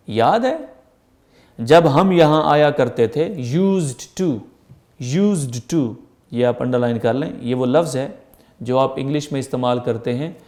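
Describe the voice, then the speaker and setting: A man's voice: medium pitch, darkish tone. A man teaching a textbook lesson, reading English lines aloud and then explaining them in Urdu. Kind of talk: line-by-line textbook translation lesson.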